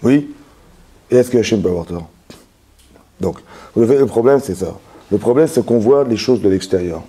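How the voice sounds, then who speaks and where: Mellow-voiced rabbi teaching a lesson. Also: male voice, lowish voice, lively intonation, moderate pace, slightly rough. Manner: explains with everyday examples, asks the audience if they follow; many restarts and repeated words. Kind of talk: Torah lesson.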